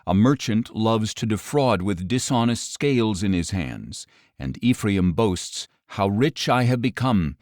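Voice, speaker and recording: A man narrating an audio Bible in a measured, solemn scripted reading, his lines falling at the ends. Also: lowish voice, expressive, darkish tone, dry recording, studio quality. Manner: measured, solemn delivery with falling line endings.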